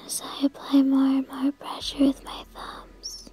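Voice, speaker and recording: A woman in a whispered role-play as a spa therapist, soothing and gently guiding the listener in an unhurried way. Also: high-pitched, completely flat delivery.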